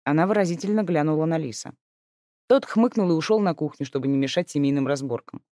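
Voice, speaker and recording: A woman reading a novel aloud as narrator, in an expressive, storytelling manner. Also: sits low, fast talker, dry recording, clean studio sound. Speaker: audiobook narrator.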